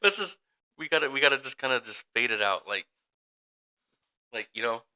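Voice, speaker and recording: In a smooth, sharp, medium-pitched voice, a man co-hosting a relaxed podcast with his brother tells rambling, animated stories at normal speed. He laughs often and performs the voices of people in his anecdotes.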